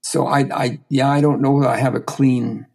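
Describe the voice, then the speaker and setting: A man being interviewed as an astrophysicist, answering in a thoughtful, halting way with many restarts. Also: mid-range voice, fairly even intonation, darkish tone. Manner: hesitant, with frequent restarts and repeated words. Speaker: guest, astrophysicist.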